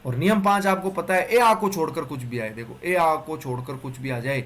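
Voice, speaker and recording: A man's voice: on the high side, moderate pace, a bit bright. A man giving an exam-prep Hindi grammar lecture, explaining step by step and often checking in with the class. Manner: explains step by step with repeated "dekho" and "theek hai".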